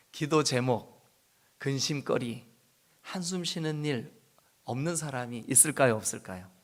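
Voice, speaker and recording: A middle-aged man from South Korea, a pastor giving an early-morning church sermon, telling the story with lively acted-out voices and soft whispered asides. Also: medium pitch, slow pace, pauses often.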